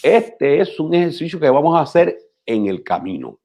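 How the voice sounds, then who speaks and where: A man, a pastor teaching preachers in a measured, instructive radio talk who repeats phrases for emphasis. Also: a little high, sing-song, a little mellow.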